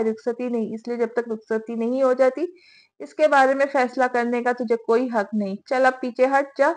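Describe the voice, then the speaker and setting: A woman's voice: on the high side, natural voice. A woman reading the lines of a caring middle-aged mother who scolds her son. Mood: scolding. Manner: scolding, protective.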